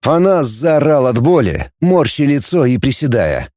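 Man reading an audiobook, lively up-and-down voice, dry close sound. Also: mid-range voice, a little slow, dry recording. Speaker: audiobook reader. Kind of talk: audiobook narration.

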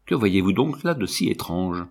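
A man's voice: sits low, lively intonation, a little fast. A man voicing a brusque, defensive young husband in a read-aloud novel. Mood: irritated. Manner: curt, defensive.

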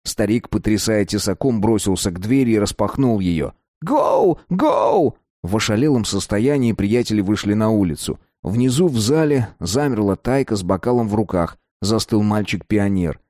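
A man's voice: on the low side, normal speed, few pauses, no room sound, clean studio sound. A man narrating a novel and voicing all its characters. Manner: expressive reading, voices all characters. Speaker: audiobook narrator. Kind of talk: scripted narration.

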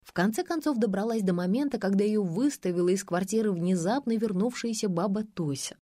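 A woman reading a first-person audiobook in a lively, expressive way. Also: mid-range voice, fairly quick, no room sound, clean studio sound. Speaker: audiobook reader. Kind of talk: scripted audiobook narration.

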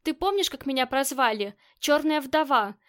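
A woman reading the lines of a grieving, hot-tempered female gang boss in an audiobook, moving between flat weariness and sharp commands. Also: sits high, normal speed. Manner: shifts between flat weariness and angry shouting.

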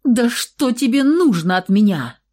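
A woman reading aloud and voicing an angry, rebellious young woman who shouts indignantly in a storybook reading. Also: medium pitch, sing-song, moderate pace, voice pushed up. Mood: furious.

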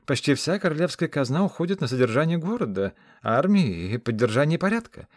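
A man's voice: fairly high pitch, very animated, a little fast, no room sound, clean studio sound, voice pushed up. A man reading the part of a stout, pompous male city governor in an audiobook, exclaiming indignantly.

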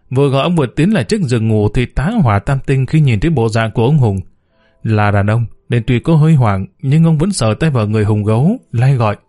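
A man's voice: mid-range voice, warm tone. A man reading a suspense story aloud with dramatic storytelling. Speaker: narrator. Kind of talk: audiobook story narration.

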